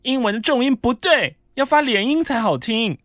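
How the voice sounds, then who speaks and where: A man voicing a snobbish coworker who mocks other people's English, with sneering, drawn-out English phrases. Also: very high voice, expressive, a bit bright, no room sound, clean studio sound, voice pushed up. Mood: lecturing.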